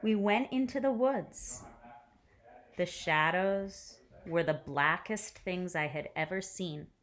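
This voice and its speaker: A female teacher reads a picture book to children with lots of expression, pausing deliberately and letting her phrases fade to a hush. Her voice is lowish.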